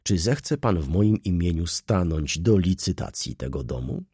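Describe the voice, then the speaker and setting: Man doing a guarded merchant, low and quiet, husky rasp. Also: lively intonation, a little slow, no echo, clean studio sound, exaggerated voice. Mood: restrained. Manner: quiet, terse, restrained. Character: quiet, reserved middle-aged male merchant. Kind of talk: audiobook character voice.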